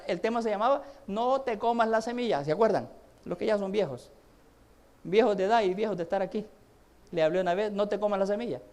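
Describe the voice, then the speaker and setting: A man's voice: high-pitched, darkish tone. A man with a Honduran accent, a pastor preaching a sermon and calling the congregation to repeat phrases after him. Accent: Honduran Spanish. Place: church service.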